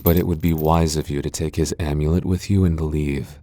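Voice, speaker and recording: This ASMR roleplay drama features a man as a proud vampire lord, speaking in an extremely deep, dark and mellow voice. Sardonic, haughty and reluctant to let others close, he sounds curt and defiant at a normal pace with fairly even intonation. The recording is dry.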